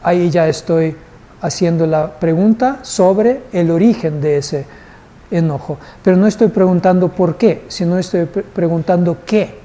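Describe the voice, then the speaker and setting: A man's voice: sits high, measured pace, mellow. A male instructor teaching a live class, patient and asking the group questions. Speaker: course instructor.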